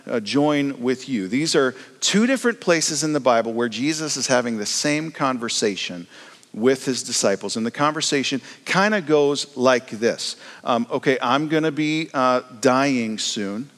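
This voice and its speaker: A man preaching a sermon as pastor, in a relaxed, storytelling way with frequent restarts. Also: mid-range voice, moderate pace, in a large hall.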